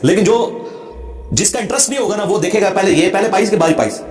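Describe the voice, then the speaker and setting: Male religious lecturer, combative and emphatic, fast delivery, roomy echo. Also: high voice, a little mellow, faint music behind. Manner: emphatic and combative, demonstrates Arabic recitation. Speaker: religious speaker. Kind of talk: lecture answering a question.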